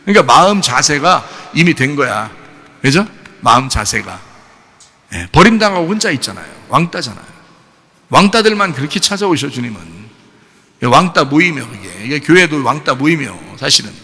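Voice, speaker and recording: A man's voice: fairly high pitch, very animated, normal speed, pushed and bright, slightly rough, big-room sound. A male pastor preaching a sermon, giving an emotional testimony and putting rhetorical questions to the congregation. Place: church sanctuary.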